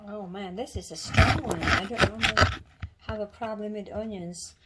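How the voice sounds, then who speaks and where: A woman's voice: medium pitch, normal speed. Chatty woman cooking at home, noisy. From Philippines. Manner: chatty, rambling, with many restarts and fillers. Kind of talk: casual cooking demonstration. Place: home kitchen.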